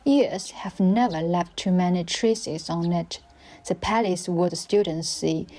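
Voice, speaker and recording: A woman reading scripted documentary narration in a measured, even way. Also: on the low side.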